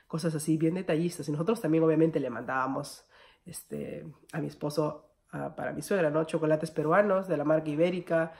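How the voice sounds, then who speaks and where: A woman's voice: deep voice, fairly even intonation, a little fast, vocal fry, darkish tone. A young Peruvian woman speaks with a Peruvian Spanish accent in a storytime vlog. She talks in a chatty, familiar way and keeps calling her viewers friends. Her delivery is that of a casual personal story. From Peru. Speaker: vlogger.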